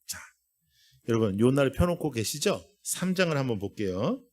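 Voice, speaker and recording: A middle-aged man preaches a lively revival sermon from a church pulpit. He swings his voice up and down, acts out little scenes, and gets the congregation to repeat lines back to him. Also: medium pitch, moderate pace. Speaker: guest pastor. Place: church sanctuary.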